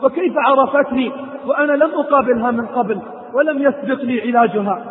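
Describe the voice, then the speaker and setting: A man preaching a story who voices a kind young woman doctor, astonished and gentle. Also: extremely high pitch, fast, long reverb tail, phone-quality sound.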